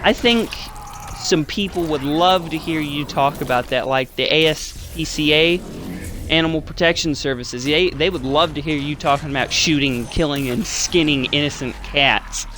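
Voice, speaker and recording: Man in his 20s, casual storytime vlog, rambling, swearing, slightly high voice. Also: normal speed, background noise. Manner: rambling, swears, lots of fillers. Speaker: gaming channel host.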